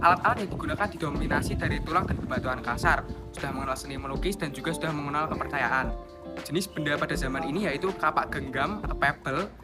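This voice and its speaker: A man student reading a history explanation quickly and read-aloud style. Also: on the high side. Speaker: student presenter. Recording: loud music under voice. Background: loud background music.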